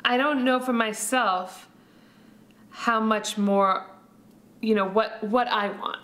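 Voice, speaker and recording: A young adult woman telling a personal story in an interview, animated, acting out what people said. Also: a little high, takes it slowly. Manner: animated, acts out quotes, laughs often. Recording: roomy echoey room.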